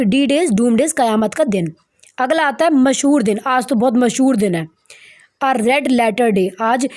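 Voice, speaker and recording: A young woman teaching English vocabulary as a lesson, explaining each word and repeating key terms slowly for emphasis. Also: on the high side, darkish tone. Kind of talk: Hindi-language vocabulary lesson.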